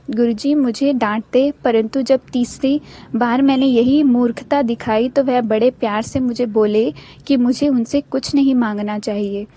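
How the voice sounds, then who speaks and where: Soft-toned woman reading devotional testimony. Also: fairly high pitch. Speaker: devotional channel narrator.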